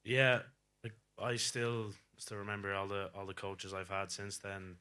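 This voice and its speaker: Deep-voiced young Galway Irish man. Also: level tone, unhurried, pushed and bright, clear, resonant tone. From Galway, Ireland. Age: young adult. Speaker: professional rugby player, interview guest. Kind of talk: casual interview talk.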